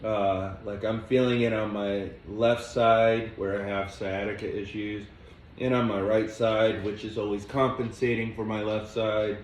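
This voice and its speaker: A man guiding a yoga flow as he does it, giving relaxed, chatty cues with small asides. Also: on the low side, a little slow, slight background noise. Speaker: yoga instructor. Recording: echoey room, mic at a distance.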